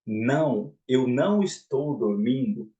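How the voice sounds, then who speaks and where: A man with a Brazilian Portuguese accent leads a classroom grammar lesson. He reads each example sentence slowly and deliberately, and his voice sits at a middle pitch throughout. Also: lively intonation, warm tone, distant mic, dull audio. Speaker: English teacher.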